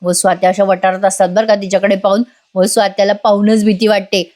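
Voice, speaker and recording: A woman's voice: medium pitch, flat delivery, brisk, a little mellow. A woman narrating a chatty voice-over recap of a TV serial, reading out the characters' lines and talking directly to her viewers.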